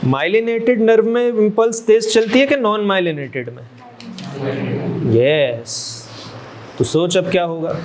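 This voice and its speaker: A man giving a medical college lecture, slowly repeating key terms and quizzing his students as he goes. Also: high voice. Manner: slow, drawn-out emphasis, repeats key terms, quizzes students and calls them "beta". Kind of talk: classroom lecture mixing Hindi and English. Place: lecture room. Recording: noisy lecture recording.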